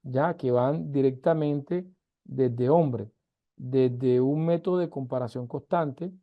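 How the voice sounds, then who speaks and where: Lecturing a university class online via video call, a man with the accent of Colombia's Caribbean coast, his home region, leans on emphasis and rhetorical questions. His mid-range voice is slow and narrow, and the audio is tinny.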